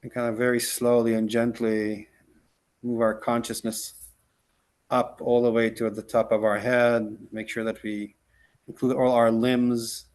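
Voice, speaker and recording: A rabbi whose first language is Hebrew, teaching a casual class and then leading a slow, gentle guided meditation, full of restarts and "right?" checks. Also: male voice, mid-range voice, level tone. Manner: halting, many restarts and "like", "right?".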